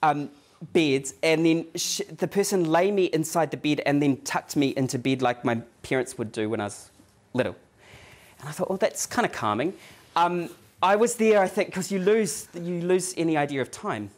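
A man with a New Zealand accent giving a conversational lecture to a live audience, often checking in with a quick "yeah?" and rambling a little as he tells his story. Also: fairly high pitch. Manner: loose, rambling delivery with restarts and fillers. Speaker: guest lecturer. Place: office event space with a live audience.

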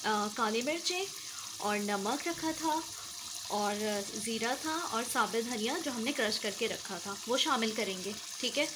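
A woman's voice: a little high, lively intonation, measured pace. Home cooking host, woman, patient step-by-step teacher, frying noise behind. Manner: explains step by step, often adds "theek hai". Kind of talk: recipe walkthrough over cooking footage. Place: home kitchen. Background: sizzling oil and stirring.

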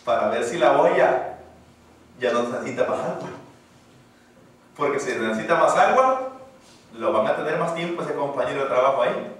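A man's voice: mid-range voice, lively intonation, normal speed, long pauses, far from the mic. Preaching man in a very echoey hall. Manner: call-and-response preaching; swings from loud exclamations to hushed asides. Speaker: pastor. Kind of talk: sermon. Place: church hall.

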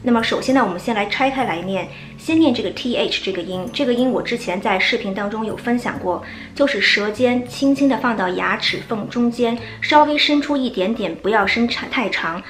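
A woman whose first language is Chinese, teaching English pronunciation and slowly demonstrating sounds. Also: on the high side. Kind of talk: pronunciation lesson. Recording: echoey room with faint music.

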